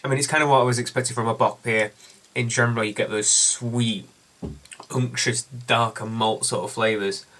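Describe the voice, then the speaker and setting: Guy doing a beer review, bright forward voice, rambly with lots of ums. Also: medium pitch, steady tone, normal speed. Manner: chatty storyteller with many ums and uhs. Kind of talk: casual beer review to camera.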